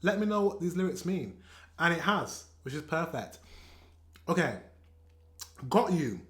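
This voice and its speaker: A man from England with a British accent, reacting to a song in a casual, excitable way and swearing and laughing often. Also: on the high side, measured pace, echoey room. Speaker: reaction video host. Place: room at home with a shelf behind him.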